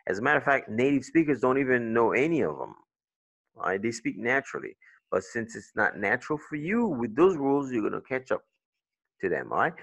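A man's voice: mid-range voice, very animated, moderate pace, gravelly, a bit bright, slightly rough, muffled recording. A middle-aged man teaching English pronunciation rules, switching between English and French and checking in often with "okay".

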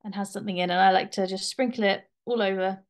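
A woman's voice: mid-range voice, fairly even intonation, quick pace. A woman giving a chatty, informal craft demonstration in a live webinar, on a home video call. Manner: chatty, informal, with fillers and restarts. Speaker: craft presenter.

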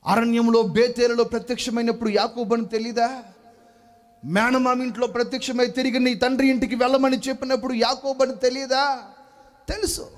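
A man's voice: very high voice, flat delivery, brisk. A male pastor preaching a sermon, telling a story with acted-out voices and questions to the congregation.

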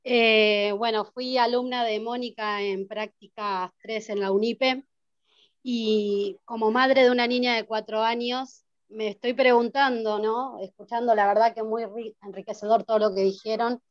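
A woman's voice: a little high, fairly even intonation, measured pace, dry recording, lo-fi sound. A woman with an Argentine Spanish accent joins a video call as an audience member and asks a question in a hesitant, searching way.

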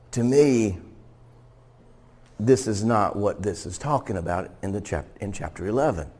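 A man's voice: on the low side, darkish tone. Conversational male pastor teaching. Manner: conversational, laughs often, restarts and stumbles. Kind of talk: sermon teaching.

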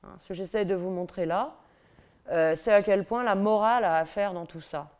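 A middle-aged woman lecturer with a Parisian French accent gives a public university lecture from a lectern on stage in a large hall. Her mid-range voice moves at normal speed, and her delivery is lively and ironic as she mimics attitudes through asides.

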